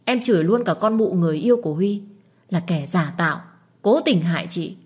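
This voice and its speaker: A woman's voice: lowish voice, animated, a little mellow, slightly rough. A woman voicing a nosy, blunt young woman who pesters and scolds in an audiobook. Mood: indignant. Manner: pushy, quick to scold. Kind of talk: audiobook dialogue.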